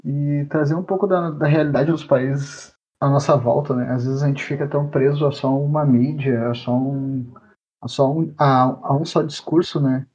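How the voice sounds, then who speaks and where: A Brazilian man speaks casually as a podcast co-host. His voice is warm and mellow, and the recording sounds muffled and lo-fi. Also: mid-range voice, fairly even intonation, normal speed. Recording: dull lo-fi audio.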